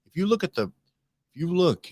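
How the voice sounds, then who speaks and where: A man hosting a casual studio discussion, rambling and animated, often restarting and checking in with "right?". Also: on the high side, normal speed. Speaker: host.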